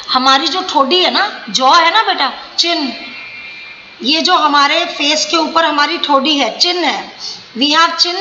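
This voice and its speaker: An Indian woman teaching an English lesson to young children, slowly drawing out each word and mixing Hindi with English. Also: high voice, bright, forceful tone, roomy sound, highs cut off, a little hiss or hum.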